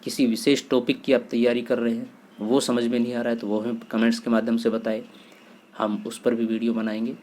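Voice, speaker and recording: A man's voice: medium pitch, completely flat delivery, fairly quick, a little mellow. Man teaching grammar, listing word pairs. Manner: lists word pairs steadily, asks and answers his own questions. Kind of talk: exam-prep grammar lesson.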